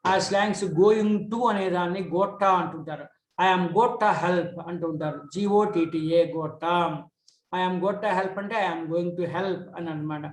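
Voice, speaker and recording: High-voiced Telugu teacher in an echoey room. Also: male voice. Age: middle-aged. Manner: reads English examples slowly, then explains quickly. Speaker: English teacher. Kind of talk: explaining grammar.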